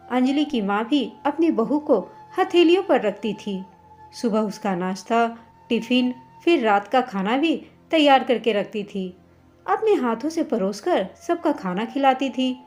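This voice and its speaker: A woman's voice: a little high, a little mellow. A woman narrating a family story in a scripted storytelling style, speaking the characters' lines herself.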